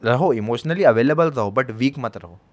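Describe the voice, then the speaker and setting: A man, a podcast guest telling stories in a casual, animated way and acting out the quotes. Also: medium pitch, moderate pace. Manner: animated storyteller, acts out quotes, laughs often. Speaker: podcast guest, content creator.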